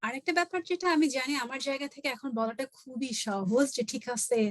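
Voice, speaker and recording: Fast-talking Bangladeshi woman in her late twenties. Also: high voice, animated, no room sound, poor audio. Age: late 20s. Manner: earnest, switches languages mid-sentence. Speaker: guest speaker. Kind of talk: online talk mixing Bangla and English. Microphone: video call.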